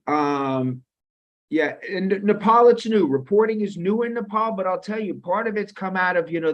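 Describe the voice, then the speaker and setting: A man in his fifties moderating an online webinar, talking casually with many restarts and quizzing his audience. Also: a little high. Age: 50s. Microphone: video call. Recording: muffled lo-fi video call audio.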